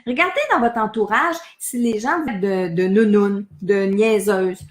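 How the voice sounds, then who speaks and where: A woman's voice: mid-range voice, unhurried, echoey room. A woman with a Québécois French accent gives a casual live talk to viewers as a medium. She talks animatedly, keeps asking her viewers questions and acts out the phrases people say to themselves.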